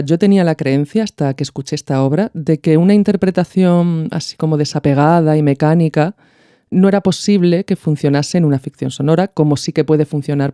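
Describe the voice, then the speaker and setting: A podcast host with a Peninsular Spanish accent reflects informally and thoughtfully, weaving in a literary reading. Her voice is low and dark, with studio-quality sound and no room reverberation.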